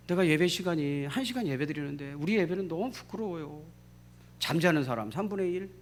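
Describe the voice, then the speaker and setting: A middle-aged man preaching with a high voice that swoops up and down. He is emphatic and keeps repeating key phrases. He keeps asking the congregation rhetorical questions. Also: a bit bright. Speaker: pastor. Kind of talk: sermon.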